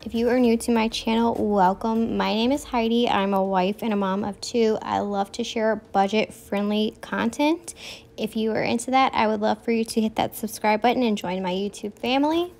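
A woman's voice: a little high, fairly even intonation, moderate pace, vocal fry, darkish tone, soft background music. A woman in her thirties, a wife and mom, chatting upbeat to her viewers in a home cleaning vlog voice-over.

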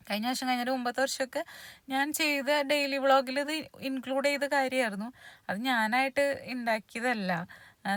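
A woman, chatting casually through a home vlog with drawn-out fillers. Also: a little high, fairly bright tone, no room sound. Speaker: vlogger. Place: home, kitchen and yard.

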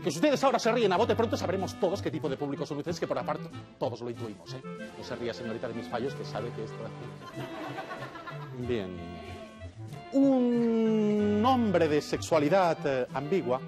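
A man performing a stand-up routine on a TV show in a mock-lecturing, teasing manner, jumping into high voices for the characters in his jokes. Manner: mock-pompous, teasing the audience, acts out joke characters with sudden high voices. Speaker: stand-up comedian on a TV game show. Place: television studio before a live audience. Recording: TV studio with loud crowd and music. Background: audience laughter and applause, music.

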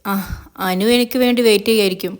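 A woman's voice: medium pitch, steady tone, fast, clean tone, natural voice. Woman voicing an earnest lovesick young boss.

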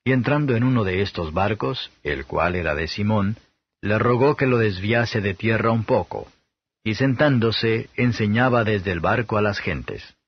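A man giving a steady, measured Bible reading as an audiobook narrator, on a dull, slightly lo-fi recording. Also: on the low side, slightly rough, no echo.

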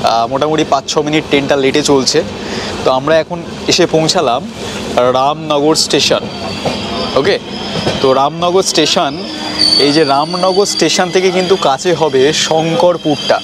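A man's voice: a little high, measured pace. A young man from West Bengal giving a chatty, informative travel vlog aboard a train, talking straight to his viewers. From West Bengal, India. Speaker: travel vlogger. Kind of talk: casual travel vlog narration. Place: inside a moving train and on station platforms. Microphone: clip-on lapel mic, selfie camera at arm's length. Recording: loud train and outdoor noise.

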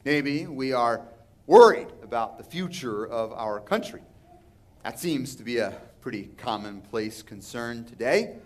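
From the pulpit of a large indoor sanctuary, a Texan pastor in his thirties preaches with earnest, rising and falling emphasis. His fairly high, slightly bright voice carries through the pulpit mic.

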